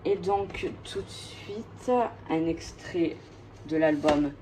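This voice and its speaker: Woman vlogger, lowish voice, casual gushing chat with lots of hesitations. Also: slow pace, warm tone, slight background noise, low-quality recording. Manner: chatty and gushing, full of hesitations. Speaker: vlogger presenting her record collection.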